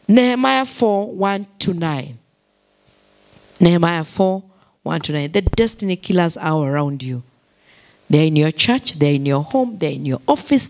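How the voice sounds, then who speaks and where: A woman's voice: on the low side, darkish tone. A Kenyan woman pastor preaching a sermon, repeating key phrases, mixing English with Swahili and calling for responses from the congregation.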